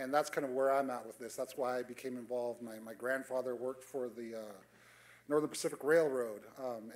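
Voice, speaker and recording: Panel moderator guy, mid pitch, kinda monotone, dry humor, lots of ums. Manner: reflective, many fillers. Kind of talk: conference panel remarks. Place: conference hall stage.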